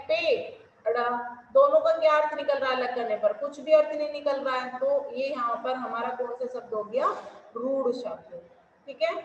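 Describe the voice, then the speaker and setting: A woman's voice: high voice, slight background noise. A woman teaching a Hindi grammar class online with a Delhi-region Hindi accent, explaining patiently and asking questions she then answers herself. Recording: echoey room, dull lo-fi sound.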